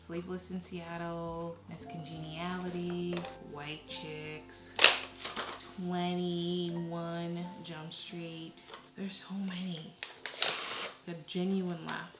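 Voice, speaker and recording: A woman's voice: fairly low pitch, level tone, slow pace, loud music behind the voice. A woman who grew up in Haiti, chatting casually while she does a craft project, laughing often and trailing off mid-thought. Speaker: vlogger. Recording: echoey room.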